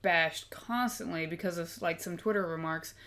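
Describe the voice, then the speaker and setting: A woman's voice: lowish voice, moderate pace, a bit bright. A woman in her thirties chatting casually as co-host of a reaction show. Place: small room indoors. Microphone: desk microphone.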